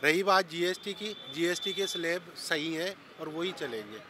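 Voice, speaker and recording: A man's voice: on the high side, moderate pace. A man in a street interview, confidently stating his opinions. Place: busy city street outdoors. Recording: clear traffic noise behind.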